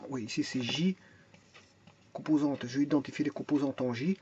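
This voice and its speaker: A man's voice: medium pitch, fairly even intonation, moderate pace, a little mellow, muffled recording, slight background noise. A man teaching a math and physics lesson, explaining step by step, thinking aloud, repeating words and restarting often, and asking and answering his own questions.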